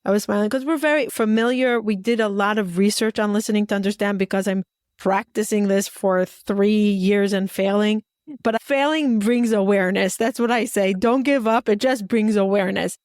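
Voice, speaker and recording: A woman's voice: mid-range voice, normal speed, a little mellow, dry recording, studio quality. A woman co-hosting a podcast conversation, summing up points and sharing examples from her own life. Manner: sums up points and shares personal examples. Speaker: podcast co-host.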